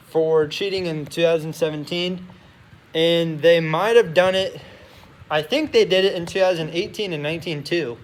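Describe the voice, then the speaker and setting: A young man chatting casually as a sports vlogger in a locker room, rambling and often correcting himself. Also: fairly high pitch. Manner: halting, rambling, self-correcting. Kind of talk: casual chat to camera. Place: locker room beside a noisy gym. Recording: noisy locker room ambience.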